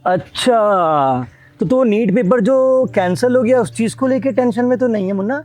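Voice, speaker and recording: A man's voice: high-pitched, lively intonation, normal speed, darkish tone, faint music behind. A man playing a worried elder brother who pleads and repeats himself in a short film.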